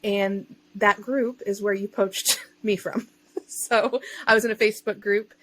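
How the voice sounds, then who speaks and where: On a low-quality recording, a woman with a medium-pitched, steady, unhurried voice chats as a podcast guest. She's a self-employed digital marketer and online bookseller, telling her story casually and informally while interjecting her own remarks.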